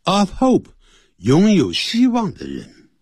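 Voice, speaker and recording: A man teaching English on a radio lesson, explaining phrases in Chinese and reading English words slowly. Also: sits high, huge pitch swings, creaky, darkish tone, slightly rough, no room sound, studio quality. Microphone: studio mic.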